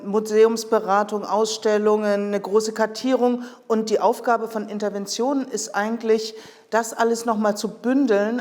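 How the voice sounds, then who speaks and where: A woman's voice: medium pitch, a little mellow. A woman heading a project department, explaining at length in an interview with many fillers. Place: project room in Berlin. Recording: reverberant room sound.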